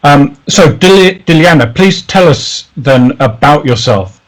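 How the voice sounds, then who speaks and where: A man's voice: on the high side, expressive, unhurried, poor audio. A man hosting an interview, rambling casually with many fillers before asking his question. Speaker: interviewer host.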